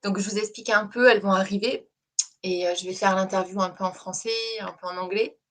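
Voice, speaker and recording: A woman hosting a live stream, talking in a soft, hesitant way with many fillers. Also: mid-range voice, fairly even intonation, a little fast. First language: French. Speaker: host. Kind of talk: casual live-stream chat.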